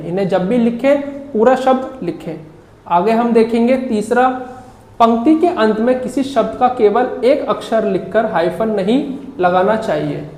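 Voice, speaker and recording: A woman teaching an English grammar lesson in Hindi, explaining each rule slowly and carefully with examples. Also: mid-range voice, darkish tone. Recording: roomy echo.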